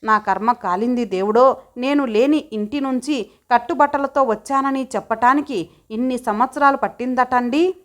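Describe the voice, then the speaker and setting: A woman's voice: a little high, moderate pace, lightly acted. Woman reader doing a self-pitying older mother-in-law, tearful and lamenting, for an audio story.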